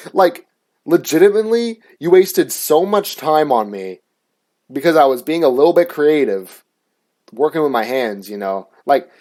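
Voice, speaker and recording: On his show, a young host launches into an aggrieved, offhand story loaded with profanity and fillers. His voice runs on the high side and is a little mellow.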